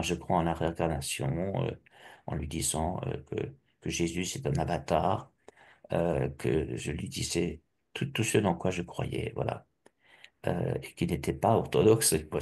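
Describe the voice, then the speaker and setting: Low gravelly man, halting testimony. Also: a little mellow. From Alsace, France. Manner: halting, many repeated words and restarts. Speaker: speaker giving testimony. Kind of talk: personal testimony.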